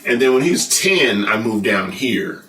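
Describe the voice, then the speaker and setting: A man's voice: medium pitch, animated, normal speed, pushed and bright, recorded from a distance, rough recording. A man around fifty from New York, co-hosting a podcast with his wife and telling family stories in a laid-back way, laughing as he goes. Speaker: co-host, husband. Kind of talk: casual storytelling chat.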